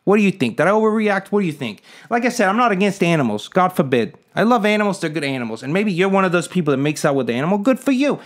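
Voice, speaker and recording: A man's voice: high voice, big pitch swings, very fast, few pauses. A man talking casually to camera in a rambling, indignant monologue, cracking jokey asides and asking his viewers what they think. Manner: indignant, rhetorical, asks the viewers for their opinion. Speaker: vlogger.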